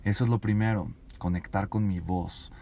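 A man's voice: fairly low pitch, moderate pace, creaky, slight background noise. A man coaching public speaking in a motivational podcast, talking straight to the listener and often checking in with him. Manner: animated, acts out vocal examples.

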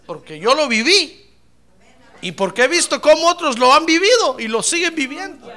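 A male pastor preaching a sermon in an animated way, mixing jokes with fervent calls to the congregation. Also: very high voice, normal speed.

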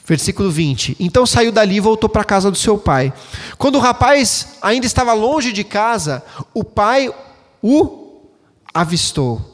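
A man preaching a sermon as pastor, expressive and speaking directly to the congregation. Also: sits high, unhurried. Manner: expressive, acts out quoted voices, addresses the congregation directly. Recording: long hall reverb.

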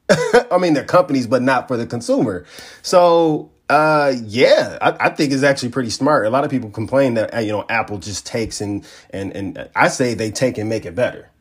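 A man's voice: medium pitch, normal speed, husky. A man co-hosting a tech podcast, chatting casually and telling stories with slang. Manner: laid-back, animated storytelling with slang. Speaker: podcast co-host. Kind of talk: casual chat.

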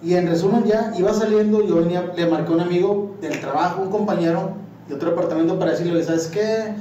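A man's voice: high-pitched, fast, mellow, lo-fi sound, slight background noise. Mexican man telling a rambling story. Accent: Mexican Spanish. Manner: slangy, rambling storytelling with many fillers. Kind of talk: casual chat. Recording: echoey room, far from mic.

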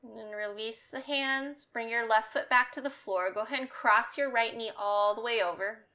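A woman leading a guided yoga class as the instructor, cueing in a calm, meditative, unhurried manner. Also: a little high.

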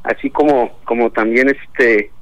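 A man's voice: medium pitch, steady tone, measured pace, fairly bright tone, dry recording. A man calling in to a radio talk show over a telephone line, airing an earnest, aggrieved complaint with many hesitant fillers. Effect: heard over a telephone line as a radio caller. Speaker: phone-in caller, transport union leader.

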